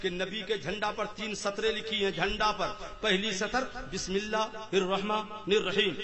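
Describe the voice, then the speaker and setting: A man's voice: high voice, level tone. A man preaching to a gathering, telling stories with a chuckle and calling on listeners to chant along. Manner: call-and-response, urging the crowd to chant along; playful storytelling with chuckles. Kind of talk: Islamic sermon to a gathering. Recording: live sermon with audible crowd.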